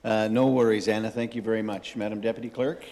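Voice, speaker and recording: A man's voice: fairly low pitch, steady tone, fast talker, darkish tone. Male mayor chairing, courteous, uh-filled; reverberant chamber. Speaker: mayor chairing council meeting. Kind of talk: chairing a public meeting. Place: council chamber. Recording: council chamber with long reverb.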